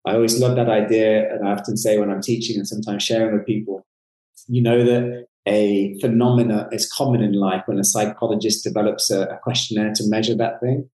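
Male clinical psychologist, mellow reflective talker with casual asides, recorded with roomy echo. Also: lowish voice, little pitch movement, a little fast. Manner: reflective, with frequent "you know" asides. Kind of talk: conversational interview explanation.

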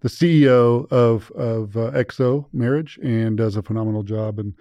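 A man's voice: mid-range voice, moderate pace, warm tone, dry recording. A man hosting a podcast, chatting in a loose, upbeat way and poking fun at himself. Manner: upbeat, loose, self-deprecating. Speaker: podcast host, university president. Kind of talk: casual podcast chat.

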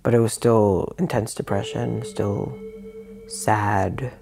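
A man's voice: steady tone, slow pace, gravelly, over music. A man giving a frank, reflective personal account in an interview. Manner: reflective, frank, low-key. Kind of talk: candid personal testimony.

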